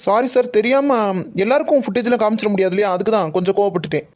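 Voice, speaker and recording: A woman's voice: medium pitch, rapid-fire, a little mellow, highs cut off, natural voice. A woman voicing a defensive mall manager who apologizes in a hurry. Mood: hurried.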